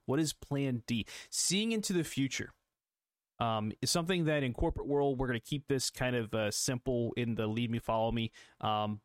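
A man's voice: mid-range voice, no echo, studio quality. A young adult man hosting a solo motivational podcast, coaching listeners, repeating phrases and asking rhetorical questions. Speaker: podcast host.

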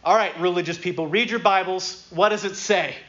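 A man's voice: high-pitched, brisk, a bit bright. A man preaching a sermon in a casual, conversational way, repeating key phrases for emphasis. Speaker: pastor. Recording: dull lo-fi sermon recording.

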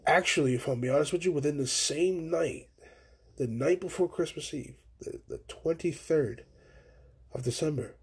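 A young man hosts his own podcast, talking through a story in loose, profane slang. His voice has a gravelly fry and a deeply husky, raspy texture. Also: normal speed. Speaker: podcast host. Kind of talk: casual solo podcast chat.

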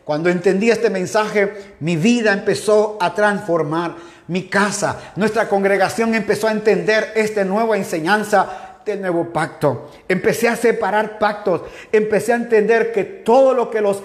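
A man's voice: high voice, normal speed. A man pastor with an Ecuadorian accent, preaching a fervent sermon and calling his listeners "brother" again and again. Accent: Ecuadorian Spanish. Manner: fervent, repeatedly addressing listeners as "hermano". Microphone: livestream mic.

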